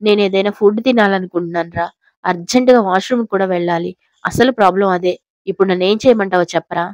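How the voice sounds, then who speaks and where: A slightly hoarse woman voicing a flustered young man in an audio story, anxious and whiny. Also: medium pitch, quick pace, no room sound, lo-fi sound, close to an everyday voice. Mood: panicky.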